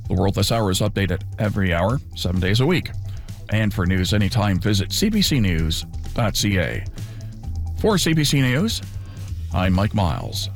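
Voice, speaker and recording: A man's voice: on the low side, big pitch swings, moderate pace, faint music behind. A man reading scripted radio news as the anchor.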